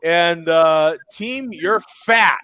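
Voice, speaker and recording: A man's voice: on the high side, very slow, pushed and bright, smooth, no room sound, highs cut off. A man in his fifties hosting a casual live web show over a video call, joking and teasing his regulars, often repeating words when he gets going. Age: 50s. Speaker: show host.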